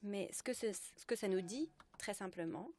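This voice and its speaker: A woman working as a simultaneous interpreter, giving a live spoken translation of a lecture in halting phrases with self-corrections. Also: medium pitch, expressive, mellow, a little hiss or hum.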